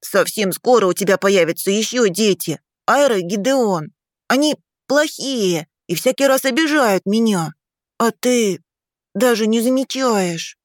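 A woman's voice: medium pitch, lively intonation, unhurried, dry recording, studio quality, pitched above the performer's own voice, natural voice. A woman voicing a stubborn, sulky five-year-old boy in an audiobook. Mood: complaining. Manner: whiny, protesting. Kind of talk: audiobook character reading.

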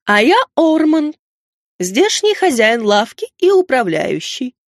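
A woman's voice: high voice, sing-song, slow pace, no room sound, studio quality, voice pushed up, exaggerated voice. A woman voicing a pompous, condescending ancient male owl-like creature who runs a magic shop, in a storybook reading. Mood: haughty. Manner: haughty, condescending.

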